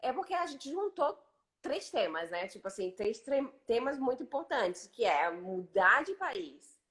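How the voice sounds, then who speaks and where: A woman's voice: a little high, big pitch swings, a little slow, fairly bright tone. A Brazilian woman hosting a casual live chat, talking emphatically and eagerly repeating her agreement. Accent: Brazilian Portuguese. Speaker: host.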